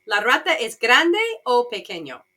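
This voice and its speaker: A woman's voice: a little high, big pitch swings, a little slow, pushed and bright. A woman teaching a beginner language class, asking students simple yes-or-no questions and translating each phrase for them. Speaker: Spanish teacher. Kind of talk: bilingual language lesson, slow and repetitive.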